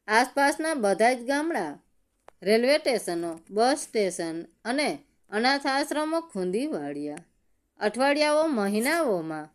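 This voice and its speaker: A woman narrating a dramatic family story in a slow, expressive storytelling manner. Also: a little high.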